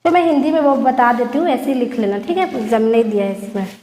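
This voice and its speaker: A woman teaching a class, explaining step by step and checking often that her students follow, dictating some lines slowly. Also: a little high, lively intonation, mellow, roomy sound, big-room sound, a little hiss or hum. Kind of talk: classroom lecture.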